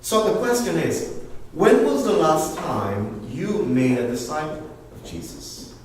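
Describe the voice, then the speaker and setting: Animated male pastor in an echoey hall. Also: fairly high pitch, slow, a little hiss or hum. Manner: animated preaching, acting out quoted voices. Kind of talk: bilingual sermon. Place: church hall. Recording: echoey hall from far off, faint ambience.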